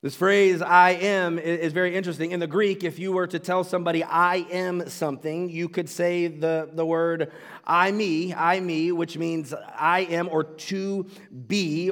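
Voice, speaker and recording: A male pastor preaching a sermon earnestly, restarting and repeating phrases, and building up to loud emphatic declarations. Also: sits high, long reverb tail.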